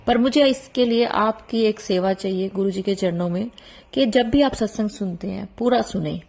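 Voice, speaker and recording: A woman's voice: medium pitch, moderate pace, creaky, darkish tone. A middle-aged woman hosting a devotional channel, talking earnestly and pleading with her followers.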